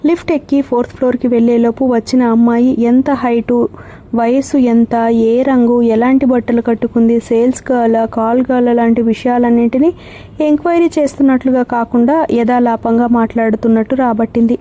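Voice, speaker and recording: A woman reading a crime novel aloud as a steady audiobook narrator. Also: on the high side, normal speed, muffled recording. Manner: steady storytelling.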